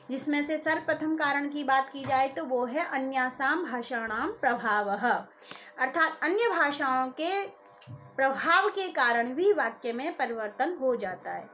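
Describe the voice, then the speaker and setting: A woman lecturer giving a recorded lesson, explaining clearly and stressing key terms. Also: high voice, bright, forceful tone.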